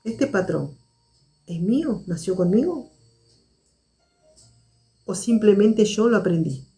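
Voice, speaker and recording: A woman hosting a live stream, speaking to her viewers in a measured, reflective way and repeating her key points. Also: mid-range voice, expressive, mellow.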